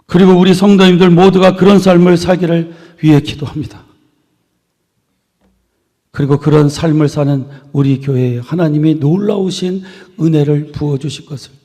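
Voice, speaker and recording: A man's voice: fairly high pitch, normal speed. Earnest preaching man in a reverberant hall. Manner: earnest preaching with swelling emphasis and soft trailing endings. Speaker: pastor. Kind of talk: sermon. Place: church sanctuary. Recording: long reverb of a church hall.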